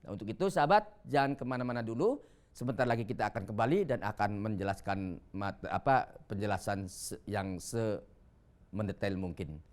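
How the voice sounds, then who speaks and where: Male Quran teacher on TV, smooth clear voice, patient explainer. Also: fairly low pitch, a little mellow. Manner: explains patiently, chants Arabic verses slowly. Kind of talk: televised Quran reading lesson. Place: TV studio.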